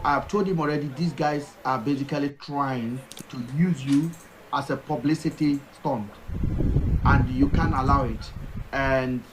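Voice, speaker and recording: A man's voice: mid-range voice, noisy background. A man hosting a call-in talk show, talking emphatically and firing off rhetorical questions. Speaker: show host.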